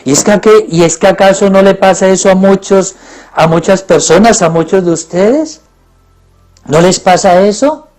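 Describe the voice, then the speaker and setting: High-voiced fervent male priest preaching. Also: moderate pace, faint music behind. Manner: fervent, repetitive preaching that swells to loud pleading cries. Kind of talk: sermon at Eucharistic adoration. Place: church.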